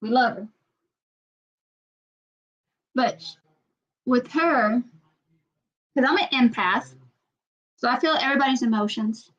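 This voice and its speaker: A woman's voice: on the high side, takes it slowly, pauses often, a bit bright. A woman hosting a casual livestream chat, rambling and repeating herself as she reads out viewer comments. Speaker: channel host. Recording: dull lo-fi sound.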